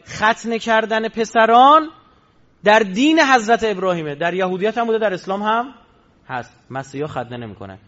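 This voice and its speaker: A man's voice: high-pitched, a bit bright. A man giving a storytelling sermon, asking rhetorical questions and answering them himself. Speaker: religious lecturer. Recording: dull lo-fi recording.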